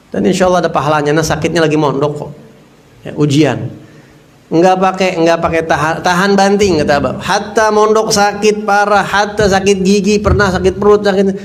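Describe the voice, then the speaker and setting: A man giving a storytelling sermon in a casual, colloquial way, acting out what people said. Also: on the high side. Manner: casual, colloquial, acts out quoted voices. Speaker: preacher.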